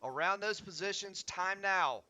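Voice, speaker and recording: A man's voice: high voice, unhurried, sharp tone. A man giving procedural military orders and call signs over the radio in a game, as a platoon leader. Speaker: military simulation game player leading a platoon. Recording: very noisy, gunfire behind voice.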